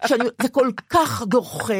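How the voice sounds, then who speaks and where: An older woman co-hosting a podcast, telling self-mocking stories in an animated, casual chat. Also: on the high side, vocal fry, breathy edge, no room sound. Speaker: podcast co-host.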